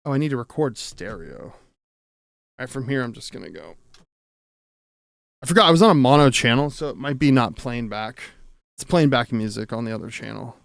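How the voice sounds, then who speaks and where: A gravelly man's voice of medium pitch, lively and fairly quick with long pauses, comes through clean studio sound without echo. He's a streamer and audio tinkerer repairing gear on a livestream, thinking aloud in a rambling, self-interrupting way and swearing casually.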